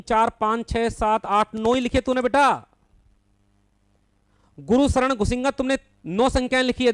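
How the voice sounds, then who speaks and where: A man with a very high, smooth voice leads a live online maths lesson, reading out students' names and checking each answer. He corrects mistakes bluntly but patiently, calls his students "son", and counts through long runs of numbers in a steady recitation. The sound is dry and close. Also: no echo. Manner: calls students by name, affectionately addresses them as son. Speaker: maths teacher.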